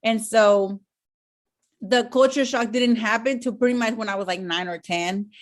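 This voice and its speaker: A woman born in Mexico and raised in the U.S., a podcast guest telling stories in relaxed, casual chat. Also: a little high, normal speed. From Mexico, raised in Texas and Arkansas. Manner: relaxed, storytelling, laughs often. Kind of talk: casual conversation.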